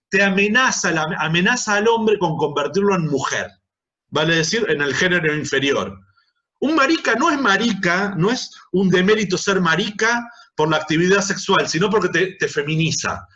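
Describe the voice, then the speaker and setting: A man with an Argentine accent gives a university lecture in a bright, forceful voice that sits a little high for a man. He talks in a conversational way and keeps checking that the class is following. The audio is dull and lo-fi, like an online class recording. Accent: Argentine Spanish. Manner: conversational, checks understanding with tag questions. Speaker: sociology lecturer.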